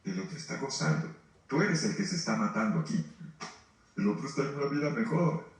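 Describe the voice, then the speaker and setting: A man's voice: mid-range voice, animated, a little fast. A man preaching at a grief retreat, emphatic, asking rhetorical questions and addressing listeners directly. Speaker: priest leading a grief retreat. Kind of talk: sermon. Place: formation house hall. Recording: very echoey, distant from the mic.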